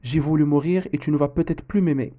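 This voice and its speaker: A man's voice: a little high, fairly even intonation, fast, dark tone, muffled recording, close to an everyday voice. A man reading a doomed young woman. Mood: somber. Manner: plain reading aloud from a script. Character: young woman condemned to die, fearful.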